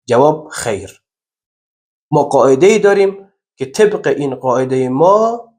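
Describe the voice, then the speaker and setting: A man teaching Quran reading in a recorded lesson, explaining step by step and slowly stretching out the example words he recites. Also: a little high, darkish tone.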